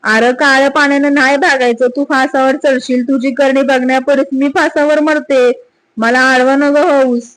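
A woman's voice: high voice, level tone, normal speed, natural voice, low-quality recording. A woman voicing a furious old village mother who scolds in rustic dialect. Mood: scolding.

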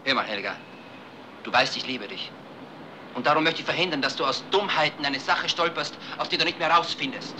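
An actor playing a fatherly doctor in a 1950s film, gently persuasive and protective. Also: fairly high pitch, fairly quick, lightly acted. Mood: patronizing. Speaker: doctor, older family friend. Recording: old film soundtrack with hiss.

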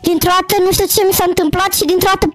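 A woman's voice: very high-pitched, dry recording, pitched above the performer's own voice. A woman doing a flustered scolding mother. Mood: questioning. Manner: excited, stammering, repeated questions. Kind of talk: Roblox role-play.

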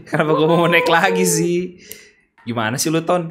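A man's voice: on the high side, normal speed, a loud crowd. A laid-back man gaming with friends, jokingly complaining. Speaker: gaming guest. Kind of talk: casual gaming chat.

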